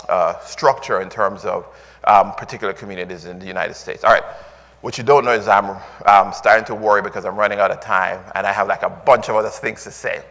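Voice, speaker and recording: A man's voice: low voice, fairly bright tone. A man with a Jamaican accent giving a conference talk, full of "um"s and restarts. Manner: filler-heavy, restarts often, earnest. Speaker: conference speaker. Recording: long hall reverb.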